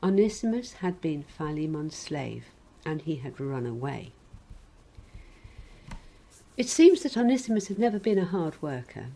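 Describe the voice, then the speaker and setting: Female preacher, low-ish mellow voice, animated delivery, reflective sermon with dry humor. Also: low-quality recording. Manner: measured, gently wry reflective preaching.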